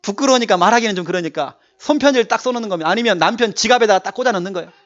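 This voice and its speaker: A man's voice: high voice, lively intonation, racing, a bit bright. A male pastor preaching a sermon, emphatic and repeating his key words to urge the congregation on. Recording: dull lo-fi church recording.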